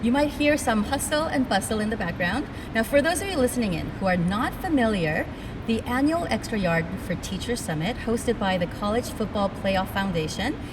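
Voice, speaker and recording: In a theater venue, with a crew setting up and background noise audible, a woman hosting an education podcast delivers an upbeat scripted opening before chatting informally with her guests. She speaks on the high side at a moderate pace, with lively intonation.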